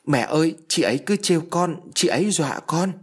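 A little boy, scared and tearful, whimpering for his mother in a raised, loud voice, as a male storyteller puts him on. The tone is slightly husky, told in an audio ghost story. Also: fairly high pitch, lively intonation, fairly quick, pitched above the performer's own voice. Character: small frightened crying boy.

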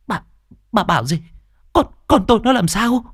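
A man's voice: high voice, animated, moderate pace, breathy edge, no room sound, clean studio sound, pitched above the performer's own voice, exaggerated voice. A man voicing a middle-aged mother, crying out and stammering in grief in a storybook tale. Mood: grief-stricken. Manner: sobbing, stammering laments. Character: grieving middle-aged mother, wailing in shock.

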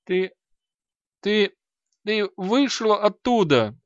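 A man's voice: a little high, expressive, takes it slowly, no echo, muffled recording. A man voicing a frightened fat rich merchant who stammers and pleads. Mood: panicked.

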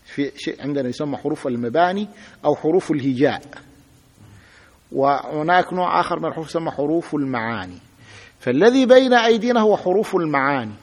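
A man's voice: a little high, animated, fast. A sheikh teaching a grammar lesson, patiently repeating examples and asking his students to say them aloud. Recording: long hall reverb.

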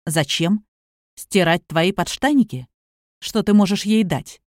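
A woman plays a protective man in a storybook, speaking quietly but with clear command. His tone is low and even, recorded dry and close. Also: measured pace, no echo, lightly acted. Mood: stern. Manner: quiet but authoritative, level. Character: calm, commanding younger man, protective suitor.

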